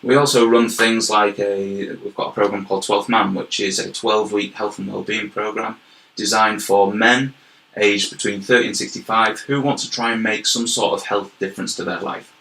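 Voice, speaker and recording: A young man from York, England, speaking with a Yorkshire accent at normal speed in a low, steady, sharp voice, is a guest in a casual interview. He earnestly explains his health and wellbeing manager job at length, repeating words often, and the room echoes.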